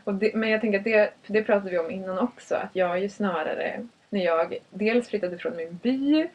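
A young woman from northern Sweden, co-hosting a podcast in a reflective, casual chat, laughing often and restarting her sentences. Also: mid-range voice. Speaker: podcast co-host. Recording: muffled, distant from the mic.

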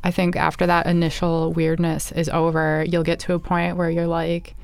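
A woman guest in a casual podcast chat, talking in a relaxed, candid way about running games. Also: fairly low pitch, normal speed, gravelly, smooth, no echo. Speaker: podcast guest, game master.

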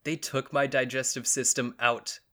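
A man's voice: mid-range voice, level tone, normal speed, pushed and bright. A man hosting a podcast alone, rambling crudely through odd news stories with mock outrage. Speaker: podcast host. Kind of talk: solo comedic podcast monologue.

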